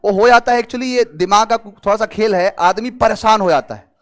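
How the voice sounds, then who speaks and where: A young man teaching English idioms in a casual classroom style, reading out answer choices slowly and mixing in anecdotes. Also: high voice. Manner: explains slowly, reads options aloud, tells anecdotes.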